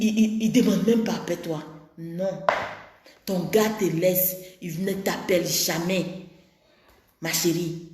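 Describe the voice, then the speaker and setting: A woman, giving frank advice to women in a blunt, preachy way. She swings between loud exclamations and low murmurs. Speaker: relationship advice host. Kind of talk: frank intimate advice monologue. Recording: echoey room.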